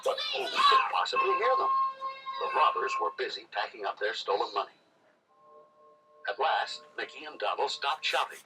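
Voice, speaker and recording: At a moderate pace and medium pitch, a man performs a scripted children's read-along story with theatrical, animated drama. Music accompanies the played read-along recording, and the audio quality is poor.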